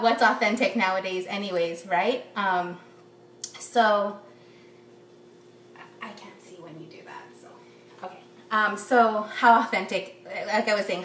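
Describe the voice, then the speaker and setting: A woman's voice: mid-range voice, a bit bright, slight background noise. A woman in her thirties from the United States, chatting upbeat with lots of ums as she hosts a live cooking demo from her home kitchen. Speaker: cooking instructor. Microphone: phone camera propped close. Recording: roomy, slightly distant phone audio.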